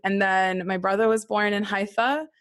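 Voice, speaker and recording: A woman with a medium-pitched, fairly bright voice speaks at normal speed with fairly even intonation, recorded dry and clean in a studio. A singer-songwriter born in Australia and raised in Israel and Brisbane, she's a podcast guest casually and candidly sharing personal stories.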